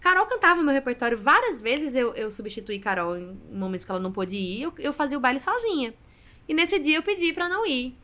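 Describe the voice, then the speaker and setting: Expressive woman telling her story. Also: high voice, fairly quick. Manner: expressive storyteller, often adds "né". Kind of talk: casual podcast interview storytelling.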